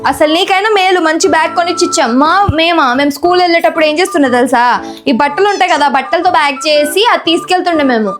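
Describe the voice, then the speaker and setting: A woman's voice: extremely high pitch, racing. A woman playing a nagging, penny-pinching mother who scolds her daughter in a comedy skit. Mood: scolding. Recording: background music.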